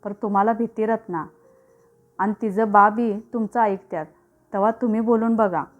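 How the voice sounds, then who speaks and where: A woman's voice: medium pitch, fairly even intonation, normal speed, dull audio, natural voice. A woman voicing an anxious village mother who keeps a secret, speaking in rural dialect. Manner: rural Marathi dialect speech.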